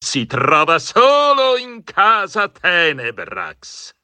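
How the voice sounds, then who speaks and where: Man playing a macabre skeleton host, slow relishing delivery, lively pitch, dry close sound. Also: smooth, no echo, full character voice. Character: gleeful macabre skeleton host, fond of revolting food.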